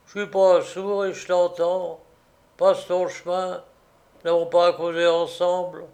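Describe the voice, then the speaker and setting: A man doing a gruff, furious old woodsman. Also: high voice, slow. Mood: curt. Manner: defiant, shouting threats.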